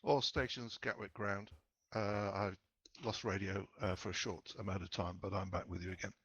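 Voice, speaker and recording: A man's voice: fairly low pitch, flat delivery, normal speed, fairly bright tone, slightly rough, dry recording, lo-fi sound. A man working as air traffic controller, heard over the simulator's radio channel, using clipped radio phraseology. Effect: voice heard over the flight sim radio channel.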